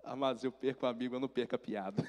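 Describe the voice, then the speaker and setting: A man with a Minas Gerais accent, an evangelist giving an animated testimony sermon and addressing listeners directly. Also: medium pitch, in a large hall. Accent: Minas Gerais Portuguese. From Brazil.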